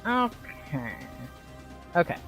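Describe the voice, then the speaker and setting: A tabletop game player asking rule questions, thinking aloud with many pauses and fillers. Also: mid-range voice, sing-song, fairly bright tone, soft background music. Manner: slow, hesitant, thinking aloud. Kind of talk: casual chat in a tabletop game.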